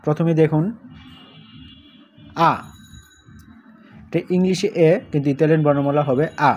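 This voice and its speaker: A man's voice: on the high side, steady tone, quick pace, a little mellow. A man giving a casual language lesson, saying letters one at a time and comparing them with English. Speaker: language teacher. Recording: dull lo-fi sound with faint background hiss.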